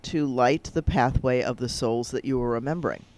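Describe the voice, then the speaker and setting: Man, rabbi, radio talk show, casual, rambling, hesitant, mid pitch. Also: normal speed, a little mellow. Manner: rambling, hesitant with many fillers.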